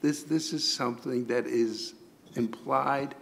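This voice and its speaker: A man chairing a town police commission meeting, answering a resident in a measured, formal way. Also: medium pitch, steady tone, vocal fry, a bit bright.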